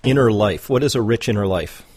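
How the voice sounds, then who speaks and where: A man's voice: on the low side, fairly quick, darkish tone, slight background noise. A man hosting an interview, chatty, telling a long anecdote with many restarts. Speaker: interview host. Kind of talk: conversational interview.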